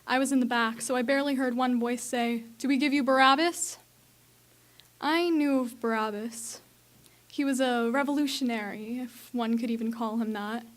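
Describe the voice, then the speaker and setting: A woman's voice: fairly high pitch, fairly even intonation, normal speed, natural voice. A young woman playing an onlooker in the crowd, telling it earnestly. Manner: earnest, shouting at times. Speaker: student actor.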